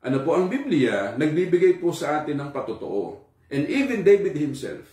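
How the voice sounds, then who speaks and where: A man giving a sermon in a relaxed, conversational way, mixing Tagalog and English with frequent fillers. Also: on the high side, normal speed. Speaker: preacher. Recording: echoey room, from far off.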